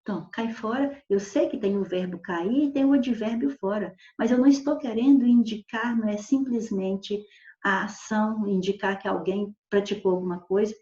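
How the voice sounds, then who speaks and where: A woman teacher talks through a grammar lesson with patience, working through examples and checking in with "right?" as she goes. Her voice is mellow and relaxed. The recording is dull and lo-fi in a roomy, echoey space. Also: mid-range voice, normal speed. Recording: echoey room, dull lo-fi sound.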